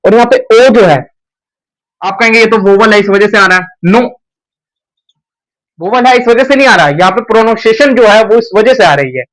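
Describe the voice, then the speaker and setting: A man's voice: sits high, animated, moderate pace, long pauses, rough recording. A young man teaching an English grammar lesson at a board, who asks the class questions and answers them himself.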